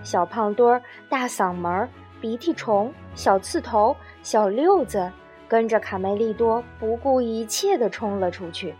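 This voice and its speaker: Brief: woman narrating a children's tale, clear, slow, soft music behind. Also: a little high. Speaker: children's storyteller.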